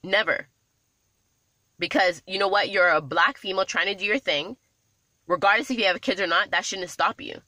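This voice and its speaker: Woman venting on her vlog, bright sharp voice, dry close sound, keeps repeating herself. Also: mid-range voice, normal speed, pauses often, no echo. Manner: exasperated, animated, repeats herself. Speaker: vlogger. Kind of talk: casual storytelling to camera.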